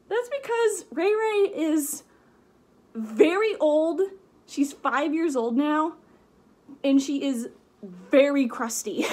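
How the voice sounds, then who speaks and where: A woman's voice: high-pitched, a little mellow. A woman chatting casually in a vlog, giggly and rambling, her voice muffled inside a costume head. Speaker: vlogger.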